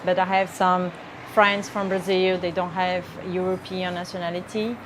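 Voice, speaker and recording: A woman speaking slowly about her own experience, with many fillers. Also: fairly low pitch, background noise. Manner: slow, flat, with fillers. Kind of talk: personal testimony.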